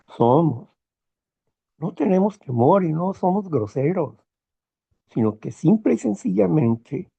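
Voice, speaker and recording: A man hosting a morning talk program, speaking in a slow, measured, moralizing monologue with personal anecdotes. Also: medium pitch, creaky, breathy edge, muffled recording. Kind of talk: reflective monologue.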